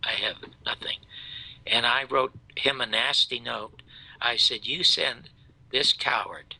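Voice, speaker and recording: An older man hosting a talk show tells a story with emphatic outrage, voicing the quoted lines himself. He swings from loud indignation down to a low hush. The recording is rough, though free of echo.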